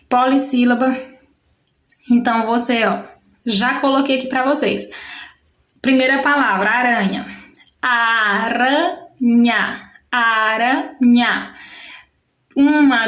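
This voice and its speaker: A woman teacher talks to young pupils in a slightly high voice. She speaks very slowly and patiently and draws out each syllable as she demonstrates. The recording has a noticeable room echo. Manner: slow, patient, drawn-out syllables when demonstrating. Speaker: primary school teacher. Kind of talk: recorded classroom lesson for children.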